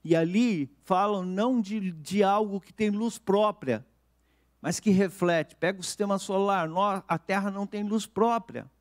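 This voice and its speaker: A man with a Brazilian Portuguese accent, a pastor preaching a sermon in an earnest way, slowing and softening to stress key points. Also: high-pitched.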